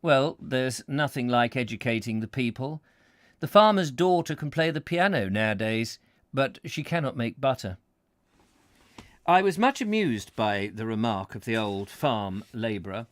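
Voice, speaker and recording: A man's voice: mid-range voice, dry recording, clean studio sound. A man reading an old travel book aloud in a live stream, breaking off for chatty, self-deprecating asides to viewers.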